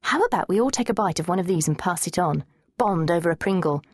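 A woman's voice: fairly low pitch, lively intonation, quick pace, close to an everyday voice. A woman narrator voicing a squeamish, dramatic teenage girl who protests and pleads in a whiny manner. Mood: breezy.

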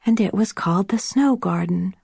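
A woman voicing a patient, gentle girl who murmurs softly, like a storyteller. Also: mid-range voice, moderate pace, creaky, slightly rough, no echo, studio quality. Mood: storytelling.

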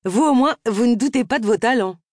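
A woman's voice: a little high, brisk, no room sound, studio quality, voice pushed up, natural voice. Woman doing a tart, prickly middle-aged lady. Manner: curt, tart. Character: sharp-tongued retired woman, prickly and proud.

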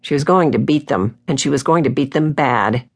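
A woman reading a romance novel aloud in a smooth, even storytelling way, recorded close on a studio microphone. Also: a bass voice, normal speed. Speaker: audiobook narrator. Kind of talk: scripted audiobook narration.

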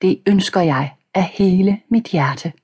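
A woman narrating a children's audiobook in the first person, calm and even, reading page numbers aloud. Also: fairly low pitch, breathy edge. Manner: reads page numbers aloud between passages.

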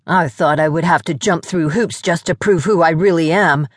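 A woman's voice: low voice, normal speed, dry recording, studio quality. A woman voicing an earnest rescued man.

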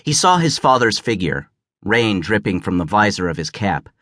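Low-voiced man narrating an audiobook. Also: sing-song, normal speed, pushed and bright, no echo, clean studio sound. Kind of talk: scripted narration. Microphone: close studio mic.

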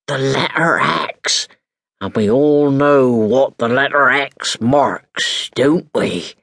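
A man doing a hushed, knowing pirate. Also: mid-range voice, takes it slowly, no echo. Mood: conspiratorial. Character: conspiratorial male pirate, self-important.

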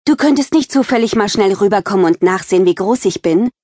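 A woman voicing an excitable ten-year-old girl who pleads and bubbles over in an audiobook. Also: medium pitch, extremely slow, no room sound, studio quality. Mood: eager. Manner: eager, pleading, bouncy.

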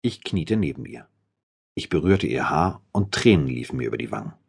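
A man narrates a first-person thriller audiobook in a dramatic and intense way. His voice is very low and husky, and his pitch rises and falls a great deal as he reads. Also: big pitch swings, a little fast.

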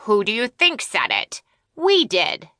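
A woman voicing a gruff, scolding male squirrel in a children's audiobook, bossy and sharp-tongued. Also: medium pitch, huge pitch swings, slow, dry recording, clean studio sound, exaggerated voice. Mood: brusque.

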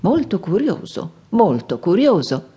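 A woman's voice: medium pitch, big pitch swings, warm tone. A woman doing a pompous English scholar. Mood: bemused. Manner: slow, measured, lecturing. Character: skeptical learned English lord, pompous. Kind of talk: audiobook character voice.

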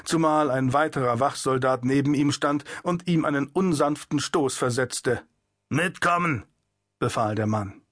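A man narrating an abridged audiobook in an even, measured storytelling manner. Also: mid-range voice, no room sound, studio quality.

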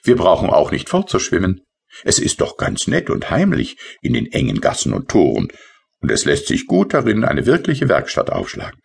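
A man voicing a tiny, cheerful male rain sprite in a children's audiobook, with a bright, gently teasing lilt. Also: sits low, wildly swooping pitch, normal speed, vocal fry, husky, pitched above the performer's own voice, full character voice.

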